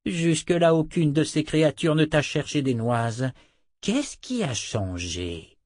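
A man voicing a gruff, doubtful old male wizard who grumbles and speaks deliberately, in an audiobook. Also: on the high side, sing-song, darkish tone, no echo, studio quality, pitched above the performer's own voice, heavily acted.

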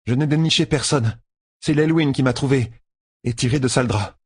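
A man's voice: mid-range voice, moderate pace, slightly rough, no room sound, studio quality, voice pushed up, close to an everyday voice. A man voicing a proud young woman leader in an audiobook, speaking with urgency. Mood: urgent. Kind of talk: audiobook character voice.

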